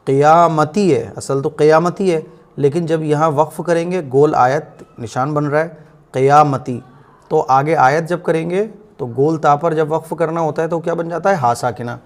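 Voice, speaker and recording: A man teaching Quran reading in a patient lesson style, asking questions and answering them himself, and slowly drawing out the words he recites to demonstrate them. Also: on the high side, darkish tone.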